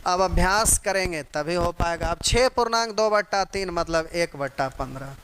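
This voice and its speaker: A man's voice: sits high, normal speed, a bit bright, a little hiss or hum. A man teaching an exam-prep math lesson, drilling fractions and percentages aloud and calling his students dear ones.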